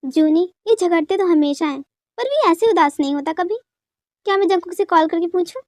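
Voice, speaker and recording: A woman's voice: very high-pitched, expressive, normal speed, darkish tone, no room sound, studio quality. A woman voicing a middle-aged mother who coaxes her son to eat and worries about him, in a dubbed fan story. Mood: caring. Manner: coaxing, fussing.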